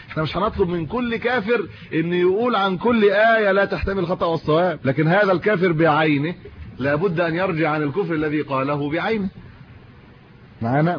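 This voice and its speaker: A man with an Egyptian Arabic accent giving a religious lesson, reading classical texts and explaining them in everyday speech with rhetorical questions. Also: fairly high pitch. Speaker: religious teacher. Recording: muffled lo-fi audio with faint hiss.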